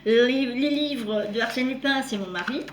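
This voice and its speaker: A middle-aged woman showing her sewing and embroidery gifts in a chatty, halting way, with many fillers and self-corrections. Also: on the high side, reverberant, a little hiss or hum. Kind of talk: casual show-and-tell.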